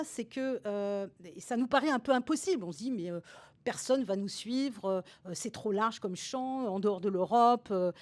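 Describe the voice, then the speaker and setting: A woman's voice: fairly high pitch, a little mellow. A woman consultant explaining a topic over slides in a webinar, hesitant and full of fillers, with restarts and tags at the ends of her sentences.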